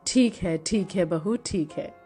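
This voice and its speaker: Woman voicing a patient mother-in-law, weary, gentle, a little lower and slower than the narration. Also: faint music behind.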